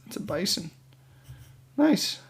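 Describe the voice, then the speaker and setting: A man co-hosting a casual podcast, bantering and explaining games in an informal, offhand way. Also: slow. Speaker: podcast co-host.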